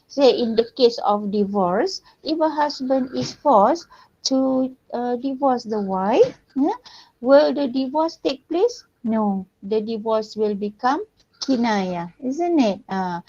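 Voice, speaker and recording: A woman giving a lecture to her students, pausing often with fillers and checking in with "yeah" and "eh". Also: fairly high pitch, expressive, dark tone, highs cut off. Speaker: university lecturer. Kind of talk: recorded online lecture.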